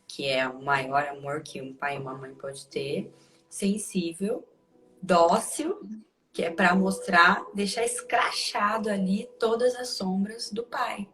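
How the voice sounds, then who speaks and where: A woman's voice: medium pitch, steady tone, takes it slowly, a bit bright, soft background music, low-quality recording. A woman with a Brazilian Portuguese accent, a co-host thinking aloud in a reflective way.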